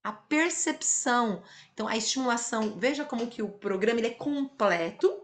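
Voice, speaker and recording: A woman's voice: on the high side, animated, a little fast. A woman hosting an interview, explaining in a teaching way and demonstrating speech sounds. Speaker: host, speech therapy educator.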